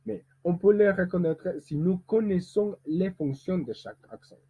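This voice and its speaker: A man's voice: sits high, moderate pace, mellow. A man teaching a spoken lesson on prosody, explaining patiently and tapping out rhythms with sing-song examples. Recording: phone-like, husky sound.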